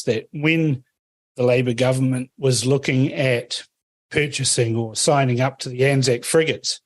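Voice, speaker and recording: Dry-sounding New radio host. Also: male voice, medium pitch, no room sound. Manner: conversational, prompting. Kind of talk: interview questions.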